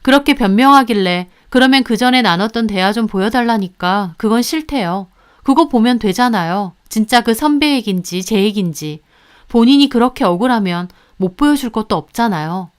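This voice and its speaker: A woman's voice: a little high, animated, normal speed, clean tone. A woman narrating a family conflict in the first person, indignant and confiding. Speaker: storyteller.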